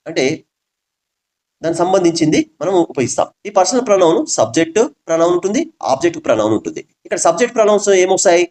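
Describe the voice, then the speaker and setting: A man with a Telugu accent teaching English grammar. He reads each English example slowly, then asks the audience a question and answers it himself. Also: high-pitched, darkish tone. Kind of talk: classroom-style grammar lesson.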